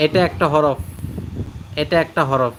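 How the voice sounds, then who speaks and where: Man drilling Arabic letters in a bright voice. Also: a little high, slight background noise. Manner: patient, repeats letters and syllables slowly to drill pronunciation; reads out students' answers and praises them. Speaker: Quran teacher. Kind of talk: live online class.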